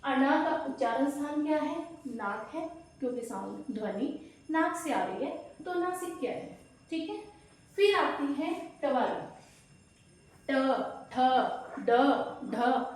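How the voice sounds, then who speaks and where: A woman teaching an exam-prep grammar lesson, explaining slowly and asking and answering her own questions. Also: high voice, lively intonation. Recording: very echoey room, distant mic.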